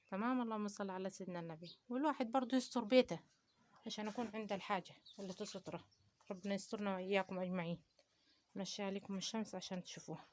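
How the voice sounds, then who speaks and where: A woman from Upper Egypt with an Upper Egyptian Arabic accent, hosting a casual home vlog about keeping poultry. She talks to viewers directly, gives advice and uses many pious phrases. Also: medium pitch. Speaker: poultry-keeping channel host.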